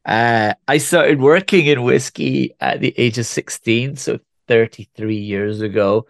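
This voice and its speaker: A man in his forties from Scotland, with only a faint trace of a Scottish accent, talks as a guest in a relaxed, rambling way, restarting his sentences often. His voice has a gravelly, creaky edge. The sound is dry and close, with no room echo. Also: medium pitch, a little slow. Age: 40s. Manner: relaxed storytelling with frequent restarts. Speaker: whisky ambassador guest. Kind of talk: conversational interview.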